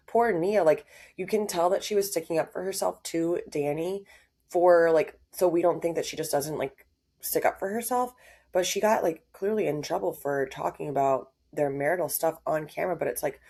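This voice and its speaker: A woman's voice: fairly low pitch, darkish tone. A young woman hosting a podcast, chatting casually and opinionated, with lots of "like". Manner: chatty, opinionated, heavy use of "like". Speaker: podcast host. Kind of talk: casual gossip chat.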